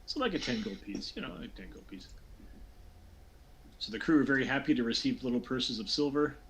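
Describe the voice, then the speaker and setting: A man's voice: medium pitch, expressive, brisk, a little hiss or hum. A man narrating a tabletop fantasy game as game master, talking loosely with many fillers and restarts.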